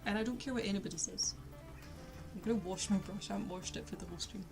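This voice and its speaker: A young woman talks casually to her stream while she paints at home, chatty and quick to laugh. She often talks to herself mid-sentence. Her voice sits at an ordinary middle pitch, with faint music playing behind her. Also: a little mellow, rough recording. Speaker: livestreamer.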